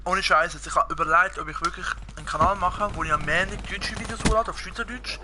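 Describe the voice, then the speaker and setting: A young gaming streamer whose first languages are Swiss German and Italian chats casually with viewers while playing a video game, rambling and using lots of fillers. He has a Swiss German accent and a high-pitched voice, talks fast, and there's noise in the background.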